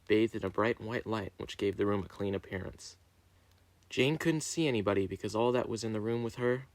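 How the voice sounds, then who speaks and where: A man reading a story dramatically, narrating in a deliberate, theatrical way. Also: on the low side, dry recording.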